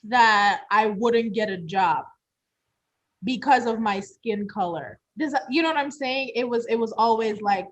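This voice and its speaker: A woman's voice: on the high side, a little slow. Woman co-host from a Malawian American home, reflective casual talk, lo-fi recording. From Malawian American household, US. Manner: reflective, uses fillers like "you know". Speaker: podcast co-host. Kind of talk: casual chat.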